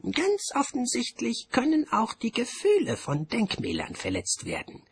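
A man voices a fussy, pompous old wizard in a storybook, pitched well above his own voice and prim in every phrase. The delivery is lively, with a breathy edge. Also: a little slow, exaggerated voice. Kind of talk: audiobook character voice.

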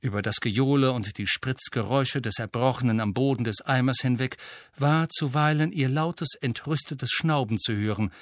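A man's voice: mid-range voice, no room sound. Man reading an audiobook. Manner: even, measured reading. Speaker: audiobook narrator. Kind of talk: scripted narration.

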